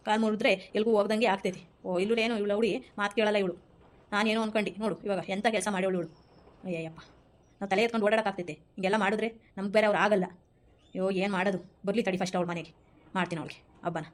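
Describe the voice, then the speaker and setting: A woman's voice: medium pitch, natural voice. Furious mother-in-law, played by a woman: scolding and threatening, talks at breakneck speed. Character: furious middle-aged mother-in-law guarding family honour.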